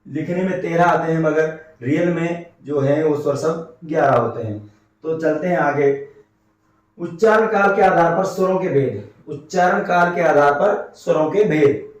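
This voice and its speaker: A man's voice: a little high, darkish tone. A man teaching a grammar class, repeating key terms and asking his students rhetorical questions. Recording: very echoey room, mic set far off.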